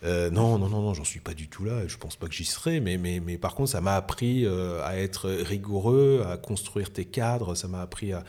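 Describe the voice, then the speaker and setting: Low-voiced French photographer, animated storyteller. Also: male voice, moderate pace, hardly any pauses. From France. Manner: animated, many repeats and restarts. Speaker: photographer guest. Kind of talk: casual storytelling interview.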